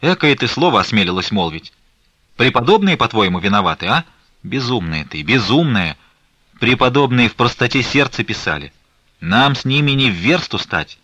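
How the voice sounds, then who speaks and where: A man's voice: fairly low pitch, very animated, moderate pace, pushed and bright, no room sound, heavily acted. A man reading an audiobook voices a stern, angry elderly abbess who scolds fiercely and reproachfully. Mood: furious tirade.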